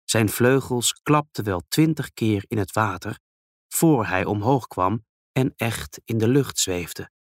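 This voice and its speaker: A man reading a children's story aloud in a calm, gentle storytelling manner. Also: on the low side, takes it slowly, dry recording, clean studio sound.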